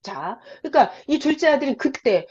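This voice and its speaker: A woman's voice: sits high, moderate pace. A woman teaching a lecture for beginners, telling a story with animation and putting questions to her listeners, on a lo-fi recording. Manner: animated storytelling, quizzing the audience. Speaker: Bible teacher. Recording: lo-fi dull recording.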